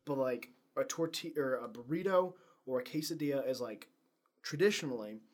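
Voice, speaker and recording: A man's voice: mid-range voice, lively intonation, moderate pace. Rambling casual man co-hosting a podcast. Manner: rambling, many fillers and restarts. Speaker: podcast co-host. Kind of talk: casual chat.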